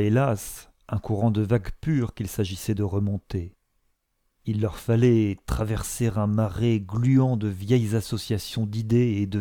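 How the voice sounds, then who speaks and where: A man reading a classic novel aloud in a measured, literary way. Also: on the low side, mellow, dry recording, studio quality. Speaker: narrator. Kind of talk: audiobook narration.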